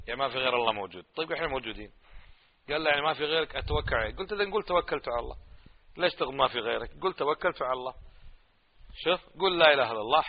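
Fast-talking preacher man, argumentative. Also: mid-range voice, long reverb tail, lo-fi sound. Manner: argumentative, rhetorical questions, mocking tone. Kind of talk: religious lecture.

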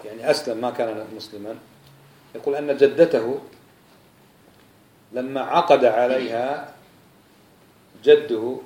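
A man preaching a sermon, rising to loud insistent emphasis and then dropping low. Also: reverberant.

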